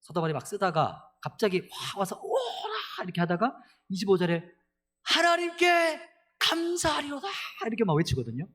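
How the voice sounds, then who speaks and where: Animated husky-voiced male pastor preaching. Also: high voice, fast talker, few pauses. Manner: animated preaching, leads congregation in reading scripture aloud. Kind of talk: sermon.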